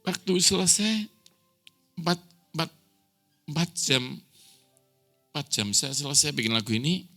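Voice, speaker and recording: A man's voice: fairly high pitch, expressive, a little slow, pauses often, bright, forceful tone, soft background music. A man preaching a sermon as pastor, telling a personal story with acted dialogue, close to tears.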